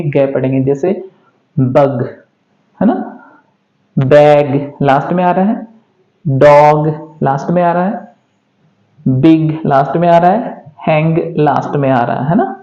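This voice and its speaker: Guy teaching english sounds, mellow kinda high voice, echoey room, dull lo-fi audio. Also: vocal fry. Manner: asks a question and then answers it himself, spells words out letter by letter. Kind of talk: pronunciation lesson in Hindi.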